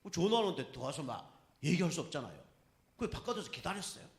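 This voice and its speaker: A man preaching a sermon as pastor, telling a personal story in a lively way and acting out what others said. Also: a little high, fast talker. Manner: animated storytelling, voicing others in quotes. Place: church sanctuary. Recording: echoey church hall.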